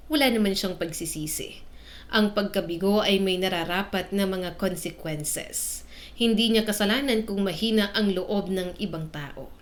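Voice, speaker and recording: A woman telling a romance drama story in scripted, steady narration. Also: mid-range voice.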